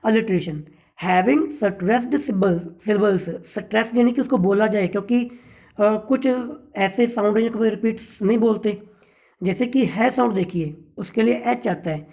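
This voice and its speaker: A man teaching an exam-prep lesson on English literature, with a mellow, warm tone. He explains each point step by step and keeps checking that his listeners follow. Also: high voice, normal speed, creaky, rough recording.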